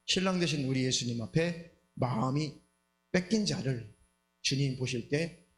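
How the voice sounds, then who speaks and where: A man's voice: mid-range voice, unhurried, a little hiss or hum, rough recording. A middle-aged male pastor preaching a Friday sermon with emphatic delivery, acting out the devil's taunts and the believer's answers.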